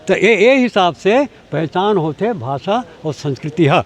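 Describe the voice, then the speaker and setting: A man's voice: sits high, lively intonation, a little slow. Emphatic older Chhattisgarhi man. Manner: emphatic, rhetorical, lecturing. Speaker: language activist. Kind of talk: impassioned interview answers.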